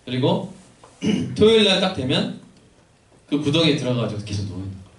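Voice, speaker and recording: A man's voice: mid-range voice, big pitch swings, a little fast. A male pastor preaching a sermon in a church sanctuary, posing questions to the congregation and adding joking asides. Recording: echoey church hall from far off.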